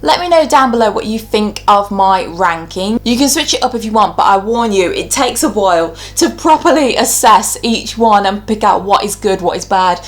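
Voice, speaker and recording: A woman video host with a medium-pitched, animated voice talks at a moderate pace with hardly any pauses. She gives her opinions in a casual, chatty way, delivering informal ranking commentary.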